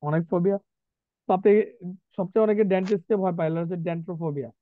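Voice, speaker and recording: Teacher over a tinny call. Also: male voice, high-pitched, fast, no echo. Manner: repetitive, drills spellings and pronunciation, chatty asides. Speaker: English teacher. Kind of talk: online vocabulary class. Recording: tinny dry online call.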